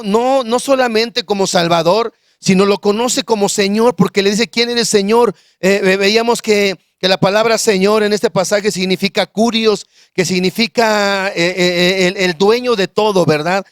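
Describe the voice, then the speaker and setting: A man's voice: high voice, steady tone, a little slow, few pauses, no echo, clean studio sound. A man pastor giving a sermon in a conversational style, with frequent restarts and tag questions. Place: church.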